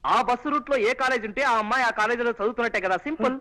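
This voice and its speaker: A man's voice: extremely high pitch, very fast, pushed and bright, a little hiss or hum. An actor playing a dreamy young male friend who loves poetry, reasoning aloud in a self-satisfied way. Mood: smug. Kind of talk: 1980s film comedy dialogue.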